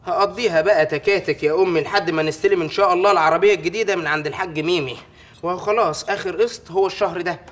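A man's voice: sits high, racing, a bit bright. An actor playing an earnest, naive young Egyptian lawyer talking with his mother in a playful, rambling way. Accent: Egyptian Arabic. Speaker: lawyer, son.

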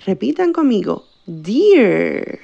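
A woman's voice: mid-range voice, very animated, vocal fry, warm tone, lo-fi sound. A woman teacher giving a bilingual vocabulary lesson for children, drawing out each word for the class to repeat. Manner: slow, drawn-out words for repetition.

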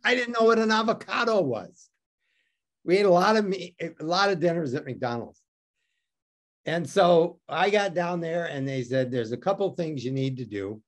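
A man's voice: a little high, normal speed. A man from Detroit telling a personal story as an interview guest, wry and self-mocking, acting out the other people in it. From Detroit, United States. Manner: animated, wry and self-mocking, acts out voices in his story.

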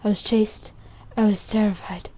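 A woman reading a frightened survivor's note aloud in a low, quick, somber voice. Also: steady tone, warm tone, close to an everyday voice.

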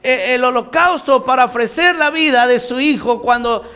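A man's voice: extremely high pitch, moderate pace, bright, forceful tone, clean tone, soft background music. A male preacher retelling a Bible story in a sermon, asking the congregation questions and acting out the dialogue, with a Mexican Spanish accent. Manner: asks the congregation questions and repeats the answers; acts out the story's dialogue in quoted voices.

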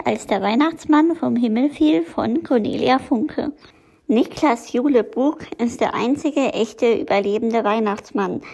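Eine Frau, die in ihrem Video Hörbücher vorstellt und ruhig und geordnet bespricht. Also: female voice, fairly high pitch, gravelly, darkish tone. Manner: plain, orderly presenting. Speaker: audiobook reviewer. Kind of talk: book review vlog.

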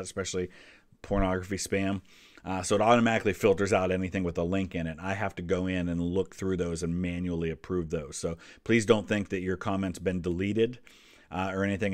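This low-voiced American man in his forties hosts a history channel and reacts to a quiz in a casual, conversational way. The recording is dry and clean, with studio quality.

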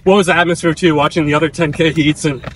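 Young man, slightly high voice, informal interviewer, chatting mid-run, faint outdoor noise. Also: steady tone, quick pace, fairly bright tone. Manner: talking while jogging, informal. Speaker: interviewer, host. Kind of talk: casual interview while running. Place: outdoors on a dirt country road, on the move.

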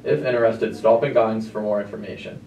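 A man reading morning school announcements as a student announcer in a brisk, matter-of-fact way, heard through a loudspeaker. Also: lowish voice, fairly even intonation, reverberant, recorded from a distance, lo-fi sound.

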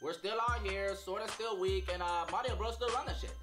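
A man's voice: sits high, fairly quick, over music, close to an everyday voice. A young man playing a cocky, foul-mouthed Mario as a boastful reality-show star in a comedy skit. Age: young adult. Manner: boastful, swearing.

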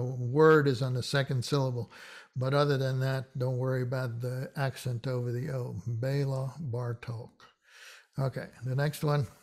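Slow, chatty older man teaching. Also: medium pitch. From Hungary. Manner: chatty, with small laughs and filler "uh"s, slows down to spell out names. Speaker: psychology professor. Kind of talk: casual pronunciation lesson to camera. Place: home office. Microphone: boom shotgun mic beside him.

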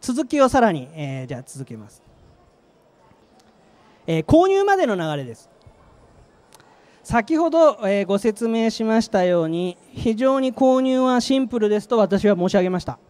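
This high-pitched, animated man is a company manager presenting a product at a live trade-show session with slides, up on an exhibition stage. Holding a handheld mic, he talks at normal speed with long pauses.

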